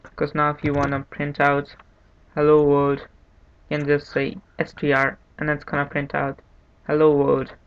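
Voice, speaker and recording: Male tutorial host, monotone and unhurried, slightly higher voice, dull lo-fi mic with faint hiss. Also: smooth. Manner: monotone, unhurried, thinking aloud with restarts. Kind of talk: screen-recorded coding tutorial. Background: keyboard typing and clicks.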